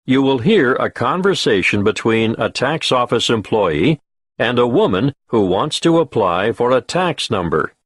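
A man's voice: mid-range voice, very animated, measured pace, dry recording, clean studio sound. A man giving formal, announcing-style scripted instructions for a listening exam. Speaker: exam narrator.

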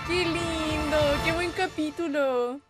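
A young woman with a Chilean accent, high and bright in pitch, reacts to an episode as she watches. She chats casually to her viewers, gasping and squealing at big moments, and the show's music plays clearly underneath. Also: slow pace. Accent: Chilean Spanish. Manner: excitable, gasps, squeals and chatters to viewers. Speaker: anime reaction channel host. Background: anime episode audio and music.

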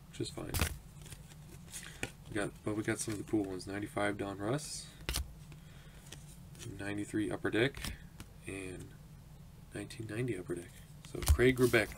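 A lowish voice with vocal fry belongs to a twenties man hosting an autograph collecting channel, who opens his mail for a home vlog. Chatty and upbeat, he laughs often and says um a lot. It was recorded in a small room at home, with plenty of noise.

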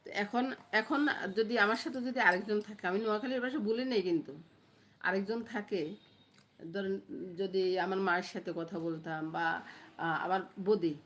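A woman's voice: mid-range voice, moderate pace, a bit bright. Chatty middle-aged woman. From Noakhali, Bangladesh. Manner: chatty, often asks viewers "understand?". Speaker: vlogger. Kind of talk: casual chat to viewers. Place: home. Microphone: phone camera.

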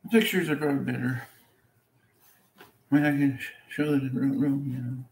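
A vlogger and karaoke singer with a very deep, gravelly, darkish voice talks steadily at normal speed, lying down at home. Her vlog is casual and meandering, full of chuckles, recorded in a roomy room with faint ambience.

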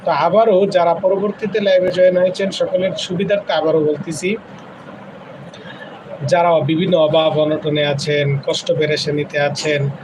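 Man, preacher, earnest repetitive exhortation, fairly high voice, audible noise behind. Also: level tone, moderate pace. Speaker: Islamic live-stream preacher. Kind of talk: live religious talk with recitation.

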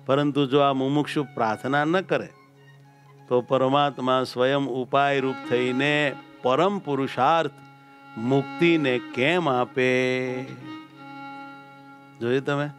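A man with a Gujarati accent, a swami giving a scripture discourse to a temple assembly, preaching emphatically and repeating key phrases. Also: mid-range voice. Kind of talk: sermon.

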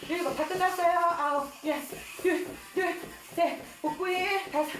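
A woman's voice: very high-pitched, a little slow, fairly bright tone. A woman leading a workout as an instructor, counting reps aloud in short, clipped commands and exhaling audibly between counts. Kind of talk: workout coaching with rep counting. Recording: roomy echo with music behind. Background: music.

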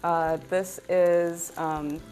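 A woman's voice: lowish voice, little pitch movement, very slow, a little mellow. A middle-aged woman, a restaurant owner, explaining a menu on a TV cooking segment with a hesitant, earnest manner. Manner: hesitant, lots of ums, earnest. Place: indoor TV studio kitchen set.

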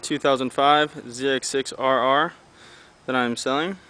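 A man's voice: mid-range voice, steady tone, measured pace, bright, forceful tone, clean tone. A man from the US showing a motorcycle he is selling, in plain, matter-of-fact remarks on a handheld camera. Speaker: private seller showing a motorcycle. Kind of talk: casual walkaround video.

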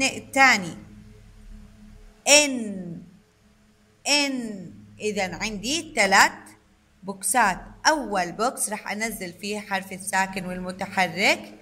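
A woman's voice: medium pitch, pushed and bright. A woman teacher, sounding words out syllable by syllable for young children and praising them often. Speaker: kindergarten teacher. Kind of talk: online phonics lesson for young children.

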